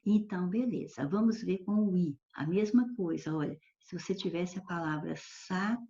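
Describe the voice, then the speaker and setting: A woman's voice: lowish voice, moderate pace, mellow, lo-fi sound. Patient woman teaching grammar. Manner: patient, explanatory, often checks with "ok?". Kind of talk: recorded online lesson.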